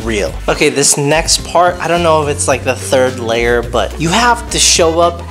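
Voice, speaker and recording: A man's voice: fairly high pitch, animated, a little slow, fairly bright tone, soft background music. A man in his thirties vlogging straight to a close handheld camera at home, talking bluntly and swearing freely. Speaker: motorcycle vlogger. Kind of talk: direct-to-camera vlog. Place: home living room and garage, indoors. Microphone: handheld wide-angle camera close up.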